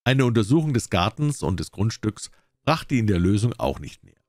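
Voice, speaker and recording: A man reading a classic detective story aloud in an expressive storytelling manner. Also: fairly low pitch, a little fast, no echo, clean studio sound. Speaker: audiobook reader.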